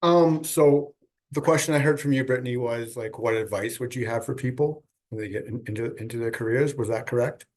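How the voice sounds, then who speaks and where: A man's voice: mid-range voice, a little fast, a little mellow. A man with braces slightly impeding his speech gives emphatic advice as an employer on a panel, checking in with listeners as he goes. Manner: emphatic, repeats "okay?" as a check.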